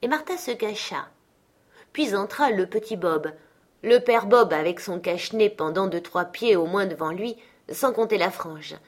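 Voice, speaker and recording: A woman narrating a classic story as an audiobook, with a lively, expressive reading. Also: mid-range voice, moderate pace. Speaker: audiobook reader.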